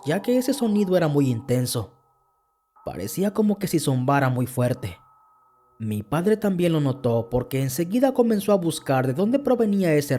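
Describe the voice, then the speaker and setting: A man telling a first-person horror story as a podcast narrator, earnest and steady. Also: a little high.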